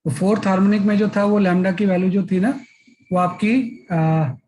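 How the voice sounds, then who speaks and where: A man's voice: high voice, fairly even intonation, normal speed, dark tone, poor audio. Man, physics teacher, classroom lecture, explains step by step, frequent check-ins. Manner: explains step by step, repeats filler "है ना".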